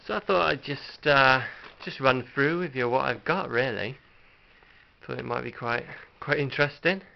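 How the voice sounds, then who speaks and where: In a dull lo-fi home recording, a middle-aged British man speaks at a moderate pace in a gravelly, mid-range voice. He's showing off a collection in an unscripted show-and-tell vlog, hesitant, rambling and understated.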